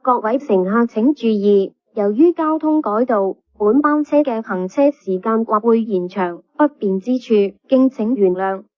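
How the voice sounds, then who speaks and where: A woman reading calm, formal bus announcements played over a PA system. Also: on the high side, measured pace, hardly any pauses, no echo. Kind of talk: scripted public announcement. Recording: dull lo-fi PA playback.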